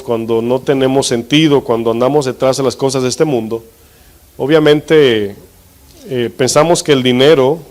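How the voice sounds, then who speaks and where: Scripture gets special weight from this man, who slows his delivery to underline it. A pastor with a mid-range pitch, he teaches steadily and questions his congregation along the way.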